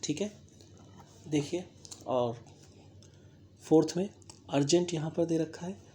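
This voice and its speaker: A teacher with an Indian English accent works through a grammar exercise at an unhurried, measured pace. The voice is soft and mellow. A faint hiss sits under the recording. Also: medium pitch. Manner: slow, deliberate, checks understanding with frequent "theek hai"; spells words out letter by letter. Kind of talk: recorded classroom-style grammar lesson.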